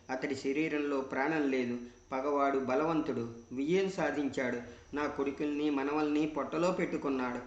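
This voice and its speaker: Man reading a devotional story. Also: fairly high pitch. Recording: roomy, dull lo-fi sound.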